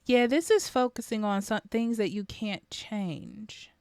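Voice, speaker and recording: Smooth-voiced woman giving a casual tarot reading. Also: medium pitch, measured pace, darkish tone, no echo. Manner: reflective, speaks straight to the listener with frequent ums. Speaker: tarot reader.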